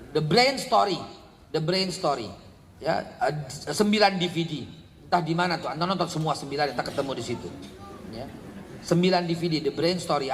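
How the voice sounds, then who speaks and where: Animated preacher in an echoey hall. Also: male voice, slight background noise. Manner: animated, swings from low asides to loud scolding outbursts. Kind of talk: parenting sermon to a congregation.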